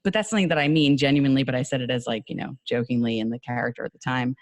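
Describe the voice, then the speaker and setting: A woman with a New York accent, talking casually as a podcast guest, animated and quick to laugh with fast asides. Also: rumbling low, no room sound. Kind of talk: casual conversation.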